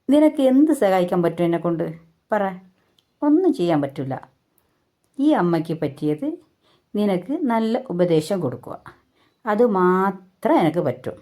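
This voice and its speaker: A woman voicing a very old great-grandmother who consoles her daughter in a slow, soothing way. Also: medium pitch, sing-song, warm tone, voice pushed down. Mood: consoling.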